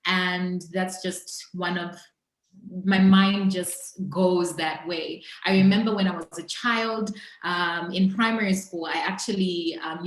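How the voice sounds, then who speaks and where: A fairly low-pitched woman with a Zambian accent shares her personal story as an interview guest. She's reflective and halting, pausing mid-thought, and the recording sounds roomy and echoing.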